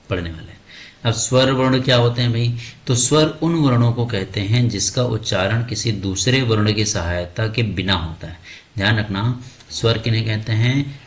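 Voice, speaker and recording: A man teaching an exam-prep grammar lesson, asking the class questions and answering them himself, often calling the listener "bhai". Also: on the low side. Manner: addresses students as "bhai".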